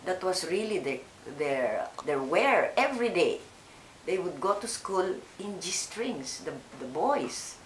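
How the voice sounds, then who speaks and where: An older woman speaks slowly and haltingly, pausing often and starting her sentences over. Her voice sits a little low. The room is echoey, with faint noise underneath. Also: very animated. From Philippines. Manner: slow, hesitant, with many fillers and restarts. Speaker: interviewee. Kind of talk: oral history interview.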